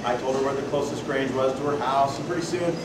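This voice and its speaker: At a membership workshop in a meeting hall, a man with a Pacific Northwest accent speaks quickly in a mid-range voice to a live audience. He's a loud, folksy storyteller who keeps asking the room questions, and the recording is distant and echoey with loud noise.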